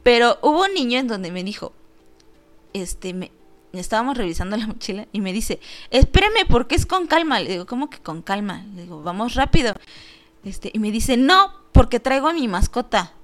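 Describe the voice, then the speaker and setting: On her radio show, a Mexican Spanish-accented woman spins a story casually and with energy, acting out the voices of those she quotes and frequently breaking into laughter. She speaks at normal speed in a mid-range voice.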